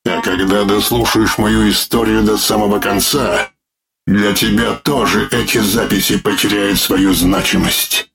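A man's voice: steady tone, over music. A man voicing a droning metallic severed head. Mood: grim. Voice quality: droning metallic voice, lacking naturalness; gravelly, low. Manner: slow, pained, coldly mocking. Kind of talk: audiobook character voice.

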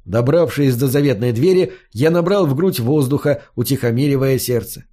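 Expressive male fantasy audiobook narrator. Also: mid-range voice, moderate pace. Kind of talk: first-person fiction narration.

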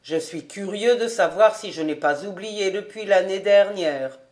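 A man's voice: sits high, measured pace. A woman voicing a jovial, well-off young man in a storybook, who talks in a hearty, laughing way.

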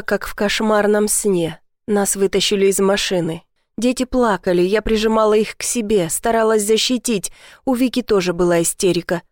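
A woman's voice: medium pitch, a little mellow, dry recording, studio quality. Woman narrating a dramatic audiobook. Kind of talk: scripted first-person narration.

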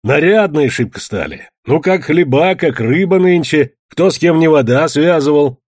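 A man voicing a self-assured male merchant who gives slow, commanding orders in a husky voice. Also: a little high, lively intonation, no echo, clean studio sound, voice pushed up. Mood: jovial.

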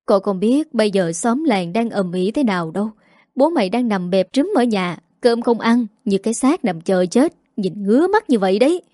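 A woman voicing an older village mother who wails and scolds harshly, in a dry mellow voice. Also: mid-range voice, lively intonation, normal speed, dry recording, lightly acted. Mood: bitter. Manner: wailing, scolding, harsh-tongued.

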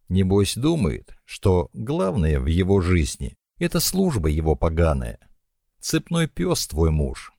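A man's voice: sits low, gravelly, a little mellow, dry recording, studio quality, full character voice. A man voicing a coarse, menacing male thug who taunts and sneers crudely.

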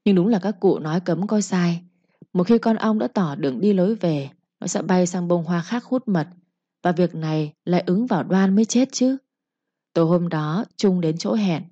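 A woman narrating a village folk story calmly, with proverbs. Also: on the low side, moderate pace, dry recording. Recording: dull lo-fi recording.

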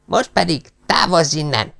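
A stern, commanding old lord, as a male audiobook reader puts him on, his voice pushed up high and rough with gravel. He barks his orders in a lively, swooping line, every word a rebuke from the head of the family. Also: heavily acted. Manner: scolding, commanding.

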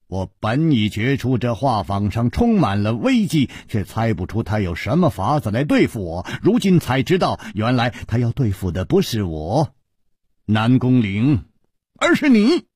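Guy doing a bold hero in a spoken story, urgent, exclaiming, pitch leaps way up and down. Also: huge pitch swings, unhurried, darkish tone, breathy edge, no room sound, studio quality, heavily acted. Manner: urgent, exclaiming, pressing questions. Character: bold young male hero, urgent and commanding.

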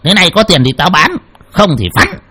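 A man's voice: a little high, huge pitch swings, moderate pace, fairly bright tone, slightly rough, voice pushed up, exaggerated voice. A man voicing an irritable old male shop owner who nags and scolds. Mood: scolding. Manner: nagging, scolding.

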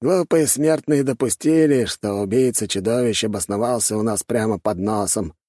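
A gruff old elder , played by a male narrator, speaks high and husky, with a slow grumble. He sounds weighty and wary. The recording is dry. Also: a little mellow, no room sound, lightly acted. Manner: impressed, gruff. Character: red-bearded old male elder in blue.

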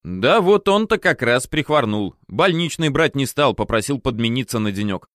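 A man's voice: mid-range voice, sing-song, moderate pace, a bit bright, dry recording, studio quality. A man voicing an overly cheerful male truck mechanic who greets a driver in a chummy, overly glad way.

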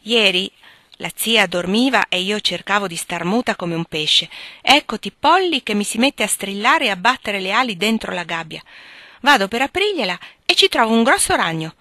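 A woman's voice: mid-range voice, expressive, moderate pace, pushed and bright, no room sound, studio quality. A woman reading as a prim earnest young girl.

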